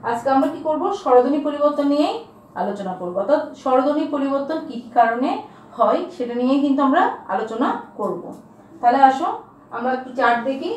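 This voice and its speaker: High-voiced woman teacher in an echoey room. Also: a little mellow, recorded from a distance, a little hiss or hum. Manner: asks questions and answers them herself, repeats key terms slowly. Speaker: school teacher. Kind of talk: grammar lesson to students.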